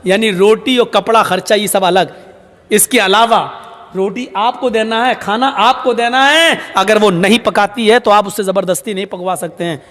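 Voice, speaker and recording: A male Islamic preacher giving a religious speech to a gathering, telling stories and acting out the dialogue, sometimes shouting. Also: high-pitched. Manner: storytelling, acts out dialogue with rising shouted lines. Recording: echoey hall sound.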